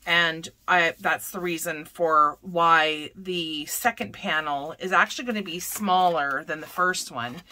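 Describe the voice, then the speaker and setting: A woman's voice: lowish voice, unhurried, hardly any pauses, sharp tone. A woman hosting a papercraft tutorial, chatting through each step as she works and often correcting herself mid-sentence. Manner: chatty, self-correcting, talks while working.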